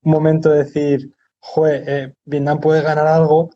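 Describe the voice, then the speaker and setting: A man's voice: fairly high pitch, unhurried, muffled recording, slight background noise. Chatty man hosting a livestream. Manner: relaxed, chatty, with mild swearing. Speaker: host. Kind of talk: casual livestream chat.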